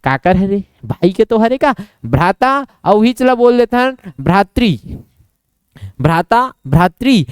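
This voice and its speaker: A man's voice: high-pitched, big pitch swings, slow pace, clean tone, no echo, clean studio sound. A young man with a Chhattisgarhi accent teaching an exam-prep Hindi lesson, playfully acting out little scenes and quizzing himself.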